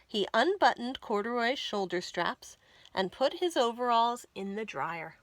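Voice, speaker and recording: A woman reading a children's story aloud as expressive narration, with deliberate, dramatic phrasing. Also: on the high side, no room sound.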